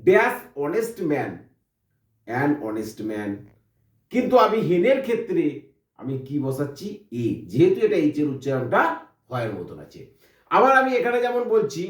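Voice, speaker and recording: High, lively man teaching a grammar lesson. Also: roomy sound, recorded from a distance. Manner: explains step by step, asking and answering his own questions.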